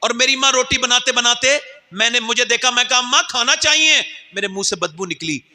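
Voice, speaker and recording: A man's voice: very high voice, fairly quick, pushed and bright, in a large hall, voice pushed up, heavily acted. A man voicing a young drunkard son who confesses how he wronged his mother. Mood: confessing.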